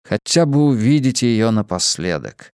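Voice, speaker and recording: A man voicing a calm, stoic male archaeologist in an audiobook, with a measured, restrained delivery. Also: mid-range voice, clean tone, no echo, studio quality. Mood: grave. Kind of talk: dramatised audiobook reading.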